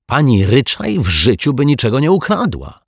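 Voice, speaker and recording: A man's voice: lowish voice, sing-song, a little slow, breathy edge, no echo, studio quality, voice pushed up, exaggerated voice. A man voicing an earnest, kind male detective in a children's story, exclaiming. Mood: shocked. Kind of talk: storybook reading.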